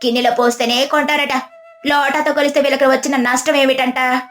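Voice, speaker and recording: A woman voicing a bold, outspoken village woman who scolds loudly in a raised, higher voice. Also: steady tone, a little fast, soft background music. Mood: scolding. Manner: loud, scolding.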